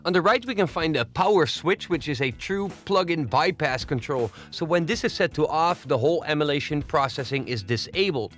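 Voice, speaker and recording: A man presenting an audio plugin tutorial in a home studio, explaining each control step by step in a steady, methodical way. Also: fairly high pitch, normal speed, hardly any pauses, faint music behind. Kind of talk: software walkthrough tutorial.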